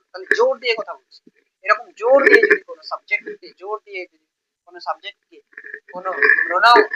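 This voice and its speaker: Man, teacher, Bengali accent, high voice, very bright tone, repeats words, step-by-step explaining, dull lo-fi recording. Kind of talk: grammar lesson.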